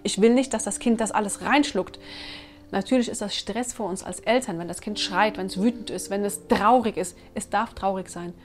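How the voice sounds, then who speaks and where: A woman in her thirties, a mother of three, talking earnestly to camera about raising children, often animated. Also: mid-range voice, normal speed. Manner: earnest, animated, acts out her own scolding. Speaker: parenting vlogger, mother of three. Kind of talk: casual talk to camera. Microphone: camera mic.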